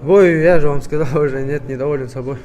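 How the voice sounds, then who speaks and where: A man from Kyrgyzstan, a fighter giving casual interview answers just after a bout, winded and coughing a little, in halting phrases. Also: on the high side, dark tone. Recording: busy crowd noise behind. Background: crowd at a fight event.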